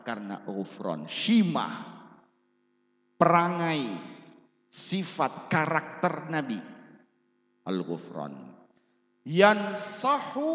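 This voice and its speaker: Slow, lively-voiced male preacher in a hall. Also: mid-range voice. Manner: dramatic, swings from loud bursts to soft asides. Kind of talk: sermon storytelling. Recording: dull echoey hall sound.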